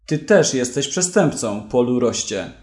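Male reader as a smug ex-banker crook, slow and mocking, in a roomy space. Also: mid-range voice, expressive, a little mellow, natural voice. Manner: mocking, self-satisfied. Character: smug male ex-bank manager turned crook. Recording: roomy echo.

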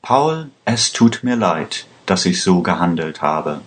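A man voicing an armed, vengeful woman in a slowly read German storybook, lifting his pitch and speaking firmly and clipped. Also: big pitch swings, full character voice. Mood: commanding.

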